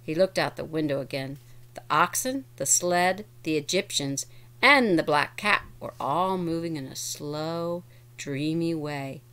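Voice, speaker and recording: Lady reading a kids chapter book out loud, fairly low voice, stops to explain words. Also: unhurried. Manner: clear, explains words as she reads. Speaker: reader of a children's book. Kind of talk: reading aloud to children.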